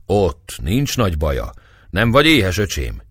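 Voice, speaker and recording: A man voicing a calm, kindly older captain who speaks in a fatherly, measured way. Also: low-pitched, husky, no echo, studio quality, heavily acted.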